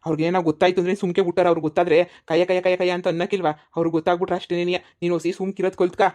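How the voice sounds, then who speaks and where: A man's voice: high-pitched, little pitch movement, racing, darkish tone, close to an everyday voice. A man voicing an irritated village brother and husband in a cartoon comedy, scolding and exasperated.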